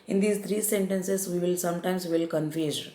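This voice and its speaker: In a vocabulary lesson, a woman with an Indian English accent teaches English words that are easily confused, repeating every definition and frequently hesitating with fillers. Her voice is lowish and warm, with fairly even intonation and normal speed, in a reverberant space.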